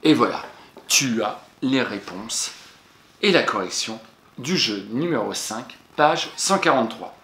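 Speaking at an unhurried pace, this man has a mid-range, slightly bright voice with lively intonation. He is a teacher patiently going through a young pupil's exercise answers, talking straight to them and spelling words letter by letter in an echoey room.

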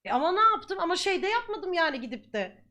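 A woman's voice: very high voice, sing-song, fast, bright, forceful tone. A young woman streamer talking earnestly to her viewers, casual and slangy, repeating phrases for emphasis. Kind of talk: live stream chat talk to viewers.

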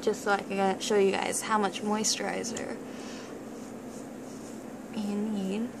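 A woman's voice: mid-range voice, little pitch movement, slow, vocal fry, background noise. A woman chatting casually in a product demo vlog, speaking through a washcloth. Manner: chatty and upbeat, with fillers. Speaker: beauty product consultant.

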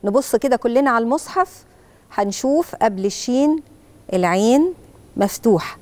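A woman with an Egyptian accent who preaches and teaches Quran recitation to children. She explains each rule step by step and recites verses slowly to model them. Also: on the high side, lively intonation, darkish tone. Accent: Egyptian Arabic.

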